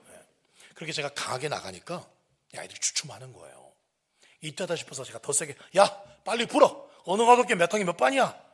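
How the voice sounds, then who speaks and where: A middle-aged male pastor telling a story in a sermon, acting out shouted quotes. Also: medium pitch, breathy edge. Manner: animated, acts out shouted quotes. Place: church sanctuary.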